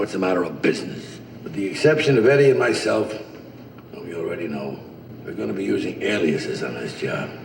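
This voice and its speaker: An actor playing a gruff, bossy older male crime boss with a gravelly voice, blunt and profane in crime film dialogue. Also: lowish voice. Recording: noisy, long reverberant room sound.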